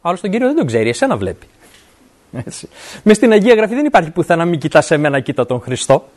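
Lively, earnest middle-aged preacher. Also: medium pitch. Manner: earnest, often stops to ask "right?" and quotes scripture. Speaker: university academic. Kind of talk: sermon.

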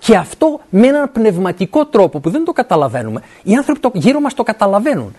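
A middle-aged university academic preaches a sermon, his pitch swinging widely and animatedly. He speaks earnestly and plainly, often pausing to ask "right?" so listeners keep up, and quotes scripture along the way.

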